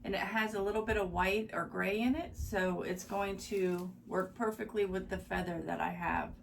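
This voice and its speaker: A woman hosting a casual craft tutorial, chatty and upbeat, a little hoarse, gushing over how cute things are. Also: mid-range voice, fairly even intonation, normal speed, recorded from a distance, slight background noise. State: slightly hoarse.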